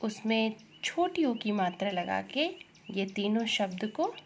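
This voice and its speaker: A woman teaching Hindi grammar to young children, slowly repeating words and asking questions to the class. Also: mid-range voice, sing-song, slight background noise. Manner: slow, repeats words and asks questions to the pupils.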